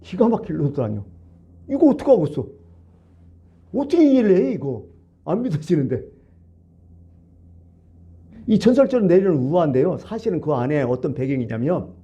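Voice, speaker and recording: Male pastor, storytelling sermon, dark mellow tone, gravelly fry, dull lo-fi church recording. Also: on the high side, normal speed, long pauses. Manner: storytelling, conversational, swings between hushed and animated. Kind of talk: Wednesday service sermon.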